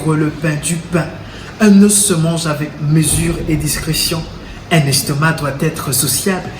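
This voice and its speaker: A young man, a student, declaiming poetry with the deliberate, theatrical delivery of a hammy stage actor. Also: fairly high pitch. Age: teens to young adult. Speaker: student reciting in a reading contest. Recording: roomy, distant mic, clear background noise.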